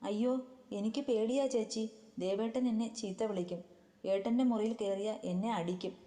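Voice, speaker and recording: A woman's voice: medium pitch, steady tone, moderate pace, warm tone, big-room sound, close to an everyday voice. A woman doing a childlike, pleading young woman. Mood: scared. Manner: whiny, pleading, baby-talk tone.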